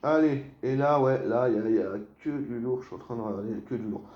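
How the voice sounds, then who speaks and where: A man's voice: mid-range voice, fast talker, lo-fi sound. A man casually showing and describing his flea-market toy car finds to viewers, chatty and full of fillers. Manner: chatty, filler-heavy, addresses viewers as "les gars". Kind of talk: casual show-and-tell vlog.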